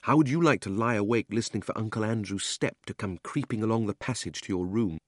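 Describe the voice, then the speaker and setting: A man's voice: lowish voice, fast, no room sound, studio quality, close to an everyday voice. A man voicing a miserable, defiant young country boy in a storybook, wound-up and emphatic. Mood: brooding, mysterious. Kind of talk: storybook character reading.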